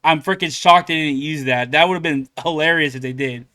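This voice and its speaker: Young man, reaction host, rambling casual talk, bright clear voice. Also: on the high side, fairly quick. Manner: rambling, filler-heavy, laughs often. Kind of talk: casual commentary.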